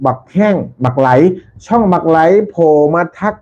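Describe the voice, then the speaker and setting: A man hosting a casual live stream for his followers, talking politely and repeating himself, with soft polite particles at the ends of his phrases. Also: fairly high pitch, expressive, moderate pace. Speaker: channel host. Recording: dull lo-fi sound with faint background noise.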